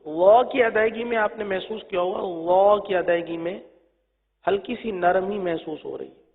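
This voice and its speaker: A man teaching Quran recitation, slowly stretching and chanting each syllable for his students to repeat. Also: sits high. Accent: Pakistani Urdu. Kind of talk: slow drilled letter-by-letter teaching. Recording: tinny phone-like sound with long reverb.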